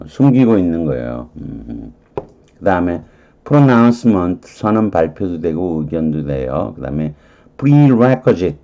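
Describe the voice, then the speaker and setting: Guy teaching english vocab real slow, dull lo-fi lecture audio. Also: low voice, mellow. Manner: slow, deliberate, reads English words aloud then glosses them. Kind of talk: online lecture explaining vocabulary and grammar.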